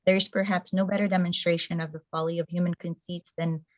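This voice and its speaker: A middle-aged woman whose first language is Portuguese presents a thoughtful talk over a video call, using frequent fillers and restarts. Her lowish voice is flat and fast, with no echo and the highs cut off.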